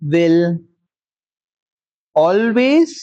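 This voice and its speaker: A man teaching a maths class, dictating slowly word by word and often checking whether the students follow. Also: high-pitched, big pitch swings, dark tone, dry recording, lo-fi sound. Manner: slow dictation word by word, checks with frequent questions. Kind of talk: live class lecture.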